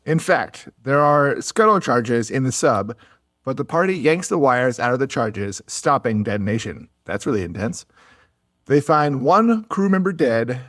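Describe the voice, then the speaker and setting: A man's voice: mid-range voice, no echo, studio quality. A man co-hosting a casual podcast, narrating a history story and breaking into jokes and laughter. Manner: laughs often, jokey asides.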